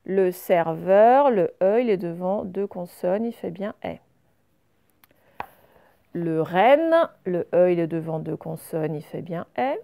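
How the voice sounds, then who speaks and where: A woman teacher going carefully through reading exercises for young pupils, saying each word clearly before explaining it. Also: on the low side, normal speed, few pauses, warm tone. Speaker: primary school teacher.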